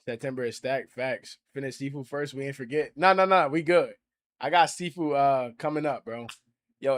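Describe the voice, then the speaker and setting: A man in his twenties, casually chatting on a livestream in heavy slang, reacting to and reading out viewer comments. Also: medium pitch. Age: 20s. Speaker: streamer.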